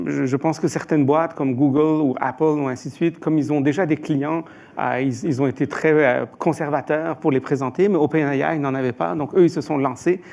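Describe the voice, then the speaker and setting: This man from Iran, speaking as an expert panelist, has a slightly high, gravelly voice with a darkish tone. He answers hesitantly, restarting often and filling pauses with frequent sounds.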